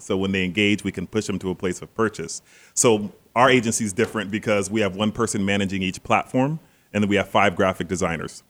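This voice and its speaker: A man in his thirties from Seattle, a guest talking casually about his business in a relaxed, rambling way. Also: on the low side. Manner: relaxed, rambling storyteller, laughs easily. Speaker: guest, social media agency owner. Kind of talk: casual chat.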